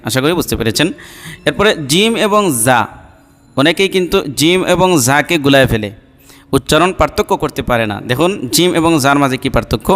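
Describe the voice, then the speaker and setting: A man's voice: a little high, expressive, fairly quick, a bit bright, in a large hall. A man teaching Arabic letter pronunciation for Quran reading, repeating each sound and explaining patiently. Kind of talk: slow step-by-step pronunciation lesson.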